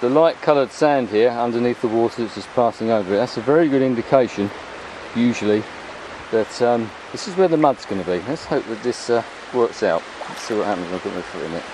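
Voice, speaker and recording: A man talks a little fast at an ordinary pitch, chatty and rambling, as he vlogs an off-the-cuff, casual commentary during a walk on an open beach at low tide. His handheld camera's built-in microphone catches clear outdoor beach noise behind his voice.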